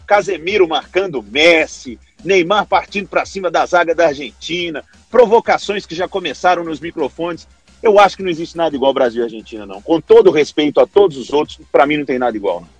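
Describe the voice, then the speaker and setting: A man's voice: fairly high pitch, no echo. A Brazilian man giving casual sports commentary as a podcast panellist.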